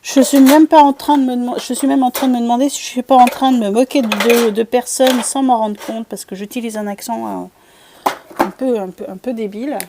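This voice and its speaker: A woman's voice: a little high, fairly even intonation, brisk, background noise. Chatty woman thinking aloud while painting. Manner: chatty, thinks aloud, answers viewers' comments; playful, puts on a random accent. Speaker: streamer painting with watercolors. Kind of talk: casual chat while painting.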